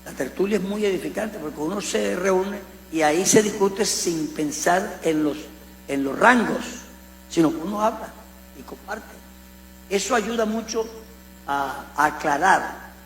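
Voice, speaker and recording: Coastal preacher, man, high gravelly voice, echoey hall with hum, animated and joking. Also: unhurried. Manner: animated storytelling with humorous asides. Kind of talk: conversational sermon teaching.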